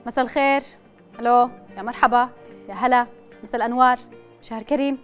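Female quiz show host, Yemeni accent, high voice, playful and chatty with callers, light music underneath. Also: fairly even intonation, quick pace. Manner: playful, teasing banter with callers. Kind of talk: chatty live game show presenting with callers.

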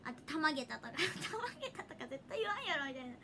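Speaking fast and very animated in a high voice, this young woman streams as an idol, reading viewer comments aloud and laughing a lot. She's from Hiroshima, Japan, and her casual chat carries that accent, with background noise behind her.

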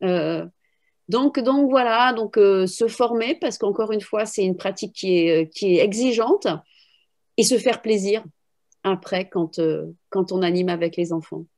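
This middle-aged philosophy teacher and trainer, interviewed over a video call with a computer mic, explains things spontaneously from an indoor home room lined with bookshelves. She speaks unhurriedly at a medium pitch with a darkish tone, thinking aloud and adding frequent little tags.

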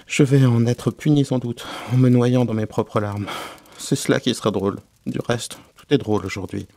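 A man's voice: medium pitch, fairly even intonation, moderate pace, creaky, mellow, no echo, close to an everyday voice. A man voicing Alice, a polite, anxious young girl who chatters in a coaxing, apologetic way. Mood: worried.

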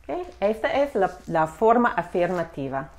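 A woman's voice: fairly low pitch, sing-song, a little slow, darkish tone. A woman teaching a beginners' language lesson live, explaining patiently, with frequent restarts and fillers. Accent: American English accent in the English words. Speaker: English teacher.

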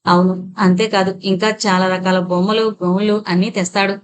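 A woman voicing a kindly old grandfather who speaks softly and soothingly to a small girl. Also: medium pitch, level tone, brisk, smooth, lightly acted. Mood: gentle. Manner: soft, soothing, hushed.

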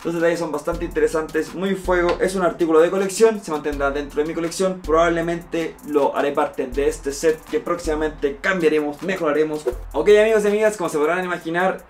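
A young man from Chile talks through his streetwear purchases, upbeat and full of slang. His voice sits a little high for a man. A faint music bed plays beneath him as he sits at a table with the camera in front of him. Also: steady tone, brisk, few pauses. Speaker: streetwear vlogger. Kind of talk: casual unboxing vlog.

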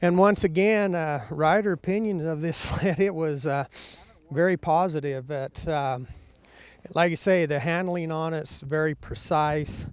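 A man, a mountain test rider, giving a casual halting review outdoors in the snow. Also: fairly high pitch, clear, resonant tone, dry recording. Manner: hesitant, lots of uh fillers. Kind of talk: casual review talk to camera. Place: outdoors in snow at a sled event.

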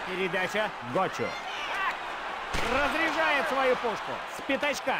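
A man giving excited hockey play-by-play and goal calls in short, urgent phrases for a video game. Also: extremely high pitch, a little slow, exaggerated voice. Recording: loud arena crowd and rink noise. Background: roaring crowd, puck and board thuds.

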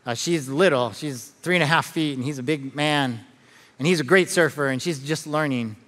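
Animated pastor telling a story in a big hall. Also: male voice, a little high, normal speed. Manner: animated storyteller, repeats words when starting lines. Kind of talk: sermon storytelling. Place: church auditorium.

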